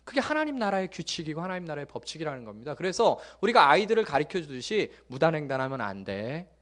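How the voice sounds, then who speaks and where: A middle-aged male pastor preaching a sermon, telling jokey stories that swing from loud bursts to hushed asides. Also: a little high, quick pace. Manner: lively, joking storytelling with sudden loud bursts and hushed asides.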